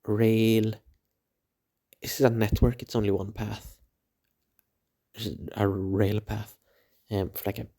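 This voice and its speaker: A young man rambling casually through a dream log in a hazy, puzzled, halting way, as if piecing it together as he talks. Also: lowish voice, creaky, a little mellow. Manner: swears casually. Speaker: dream diarist.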